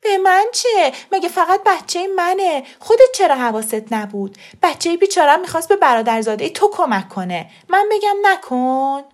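A woman reader voicing a middle-aged aunt who is tearful and defensive, with a shrill pleading manner. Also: lively intonation, a little mellow. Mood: upset pleading.

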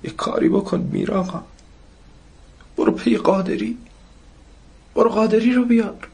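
A man's voice: sits high, fairly even intonation, vocal fry, darkish tone, husky, pitched above the performer's own voice, exaggerated voice. A man voicing an anxious village mother who pleads tearfully with her husband. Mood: pleading.

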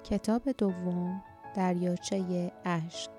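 A woman narrating an audiobook in calm, measured storytelling. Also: fairly low pitch, music in the background.

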